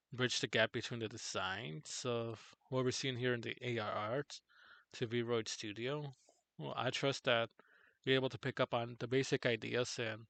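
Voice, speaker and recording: Male streamer-teacher, worn out, slow and halting, rough fry in the voice. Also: a bit bright, dry recording. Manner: halting, self-correcting, low-energy. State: tired. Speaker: streamer teaching 3D character software. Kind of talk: live tutorial stream.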